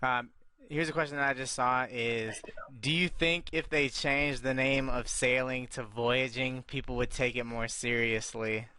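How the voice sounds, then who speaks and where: A male podcast host in casual chat, relaxed and swearing freely as he reads out listener questions. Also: medium pitch, measured pace, smooth.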